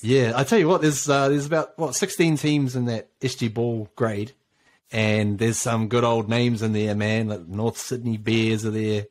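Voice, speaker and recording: A man's voice: mid-range voice, little pitch movement, moderate pace. A man hosting a casual sports podcast, leading the talk with easygoing, filler-heavy questions. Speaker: podcast host.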